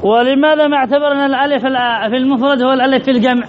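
A man teaching an Arabic grammar lesson, reading a text and explaining it slowly and methodically, asking questions and answering them himself. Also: very high-pitched, fairly even intonation. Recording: dull lo-fi class recording with faint noise.

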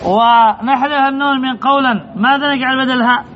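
A man with a very high voice teaches grammar in an emphatic way, repeating each point and asking his students questions. The recording is dull and lo-fi. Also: steady tone, fairly quick, slight background noise. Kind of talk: classroom lesson.

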